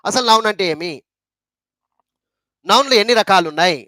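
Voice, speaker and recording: A man's voice: sits high, expressive, moderate pace, sharp tone, dry recording. A man with a Telugu accent teaching an English grammar lesson, repeating points and asking rhetorical questions.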